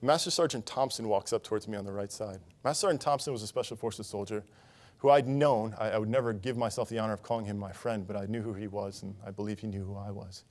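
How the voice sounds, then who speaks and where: A man's voice: on the low side, quick pace, darkish tone. A young man giving a conference talk, telling a personal story in an earnest way on a conference stage. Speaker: conference speaker.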